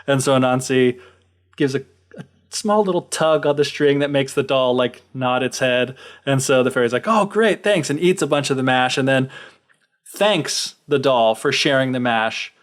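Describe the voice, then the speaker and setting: A man's voice: mid-range voice, moderate pace. A man co-hosting a podcast, casually retelling a folktale with lots of fillers. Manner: animated, filler-heavy retelling. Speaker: podcast co-host. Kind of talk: casual storytelling.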